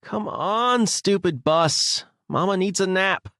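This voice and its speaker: A man's voice: a little high, unhurried, no echo, voice pushed up, lightly acted. A sleepy, grumpy woman complains in a lifted, whiny voice, played by a male audiobook narrator. The sound is close and dry with no room. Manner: grumbling, drowsy. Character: tired young woman, grumpy actress.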